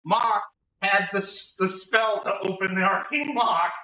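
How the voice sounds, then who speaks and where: A man's voice: high voice, steady tone, unhurried, sharp tone. Rambling young man recapping a game. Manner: rambling, self-correcting. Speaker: tabletop player recapping the session. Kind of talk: casual recap among friends. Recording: roomy, distant mic, faint hum.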